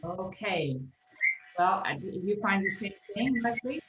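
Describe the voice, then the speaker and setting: A woman's voice: mid-range voice, animated, a little slow. A woman hosting an online panel interview, asking questions hesitantly with fillers as her call audio cuts out and glitches. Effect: cutting-out glitchy call audio. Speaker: host. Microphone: video call. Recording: echoey lo-fi noisy call line.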